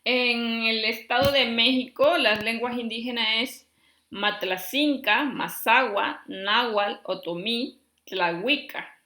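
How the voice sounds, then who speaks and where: A woman from Chiapas, Mexico, teaching a class and reading out long lists slowly, checking in with her students as she goes. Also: a little high, bright, forceful tone. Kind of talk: classroom lesson. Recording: echoey room.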